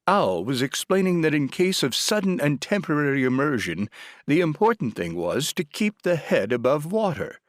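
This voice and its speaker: Animated male storybook narrator. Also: fairly high pitch, moderate pace, no room sound, studio quality. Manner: lively, animated reading. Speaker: audiobook narrator.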